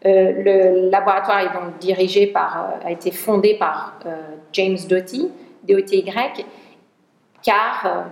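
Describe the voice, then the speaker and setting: A woman researcher with an English-speaking accent talks to an audience, stopping and restarting often. Her voice has some gravel in it. The sound is roomy, with the long reverb of a hall. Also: lowish voice, a little hiss or hum. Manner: hesitant, many restarts, mixes in English words. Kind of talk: talk with an audience.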